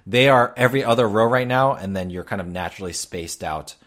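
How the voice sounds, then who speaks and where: Low-voiced male co-host, relaxed chatty delivery with lots of "you know". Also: a little fast. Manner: conversational, many fillers. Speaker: podcast co-host. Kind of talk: casual chat.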